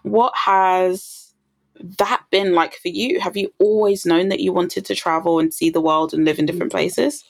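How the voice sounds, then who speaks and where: A woman's voice: lowish voice, fairly even intonation, normal speed, vocal fry. Upbeat woman hosting a podcast. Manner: upbeat and emphatic. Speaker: podcast host. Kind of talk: podcast intro and interview.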